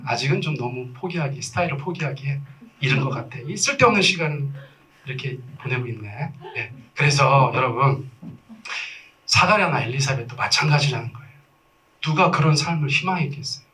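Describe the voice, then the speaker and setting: A man in his forties preaching a sermon as pastor, telling stories with animated, self-mocking humor and acted quotes. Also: mid-range voice, brisk, distant mic. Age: 40s. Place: church sanctuary.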